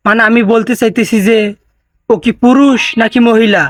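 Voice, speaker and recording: A man's voice: very high-pitched, fairly even intonation, normal speed, over music. A man hosting a comedic roast video, teasing and sarcastic in tone. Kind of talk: mocking comedic roast narration.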